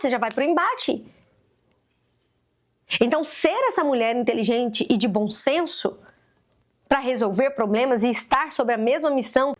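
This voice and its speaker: A woman with a high, bright-pitched voice talks straight to the camera, urging and exhorting like a preacher. She drives her points home with repetition and switches into little acted-out exchanges. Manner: emphatic, preacherly, acts out dialogue. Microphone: facing a camera.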